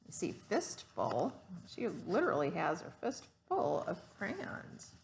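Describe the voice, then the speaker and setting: Reading a story to children the way a teacher would, a woman adds explanations and asks the listener questions in a didactic manner. Her fairly low voice swoops wildly in pitch, she speaks slowly with vocal fry, and there's background noise.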